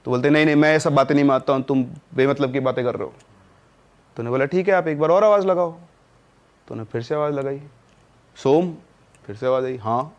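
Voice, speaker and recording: A man's voice: mid-range voice, a little mellow. A man, a podcast guest telling a horror story and briefly acting out the family members' lines.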